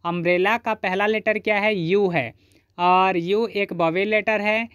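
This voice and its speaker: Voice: mid-range voice, fairly even intonation, unhurried, a bit bright, smooth, no echo, studio quality. A teacher from Chhattisgarh explaining grammar step by step, asking questions and then answering them.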